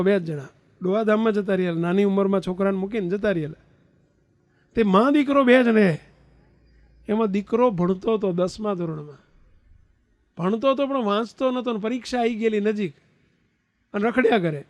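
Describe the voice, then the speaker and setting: Brief: high, dry male preacher, animated storyteller who quizzes the children and leads chants. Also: no echo. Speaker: spiritual leader giving a religious discourse.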